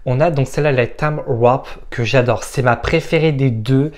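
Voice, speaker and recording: A man's voice: mid-range voice, moderate pace. A man giving a casual makeup product review, frank and opinionated, with frequent hesitant fillers. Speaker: makeup vlogger.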